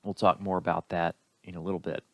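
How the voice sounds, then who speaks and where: Deep-voiced guy teaching a class recording, dry close sound, talks it through calmly. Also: no room sound. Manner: explanatory, unhurried, with occasional fillers. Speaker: instructor. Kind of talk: recorded lecture.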